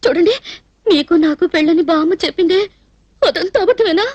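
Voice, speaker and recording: A high, tearful lovestruck girl. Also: brisk, a little mellow, no echo, muffled recording. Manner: pleading and tearful, dramatic. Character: naive, lovestruck young woman, tearful and dramatic. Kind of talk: dubbed film comedy acting.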